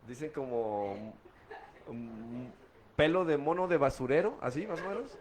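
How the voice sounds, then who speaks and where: A middle-aged guest from Guadalajara speaks at a measured pace with a mid-range, slightly mellow voice, and there's a bit of background noise. In Mexican-accented Spanish and street slang, he candidly and profanely recounts his addiction to drinking.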